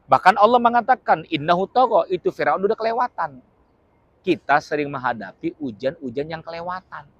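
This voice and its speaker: A male Islamic preacher giving a lively, humorous religious lecture, often asking his listeners questions and acting out little scenes. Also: sits high, a little fast, gravelly, no room sound, highs cut off. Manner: acts out short dramatic quotes with shouts.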